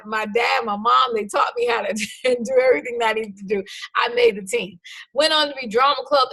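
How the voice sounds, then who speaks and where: An upbeat woman in her thirties delivers a motivational workshop talk as a life coach. She tells her own story in a personal, energetic way, with bursts of excitement. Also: fairly high pitch.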